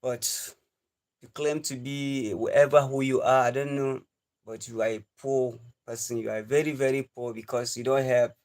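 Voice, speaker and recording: A Nigerian man in his twenties hosts a livestream, delivering an earnest, repetitive, preachy lecture to viewers. His mid-range voice is a little mellow, with fairly even intonation and normal speed, in Nigerian English.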